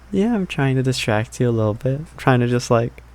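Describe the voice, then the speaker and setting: A young man playing an affectionate, playful, slightly needy boyfriend in a soft, hesitant, rambling ASMR ASMR role-play. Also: mid-range voice, close to an everyday voice. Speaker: ASMR performer.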